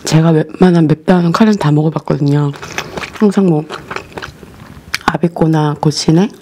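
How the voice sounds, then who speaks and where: A woman hosting an eating video, speaking softly in a relaxed, casual way while chewing with her mouth full. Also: sits low, normal speed. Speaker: mukbang host. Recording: clear background noise.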